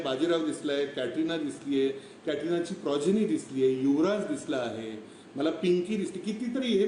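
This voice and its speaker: Guy from maharashtra doing a lively wildlife storytelling talk, mimics animal calls, kinda far from the mic, roomy echo. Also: a little high. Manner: vivid storyteller who imitates animal calls. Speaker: wildlife speaker. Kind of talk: storytelling talk on a live stream. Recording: echoey room, distant mic, faint noise.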